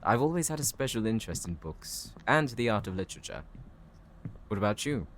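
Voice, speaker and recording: A man performs a bookish professor in an audio roleplay with a low voice. He is polite, composed and formal, addressing the listener considerately. Faint ambient noise sits behind him. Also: very animated, fairly quick. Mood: courteous, helpful. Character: courteous, bookish male professor, calm and considerate.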